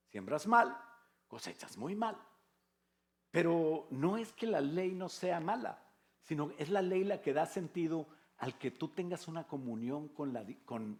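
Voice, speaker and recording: This older man, a pastor with a Mexican Spanish accent, talks through his church sermon casually, tossing in jokes and asking rhetorical questions. His pitch sits on the high side, gravelly yet a little mellow.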